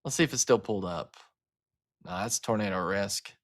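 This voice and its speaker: A man from Arkansas hosts a livestream of live weather coverage, speaking casually and chattily straight to his viewers, calling them "guys" and using frequent fillers. His voice is lowish and his pace moderate.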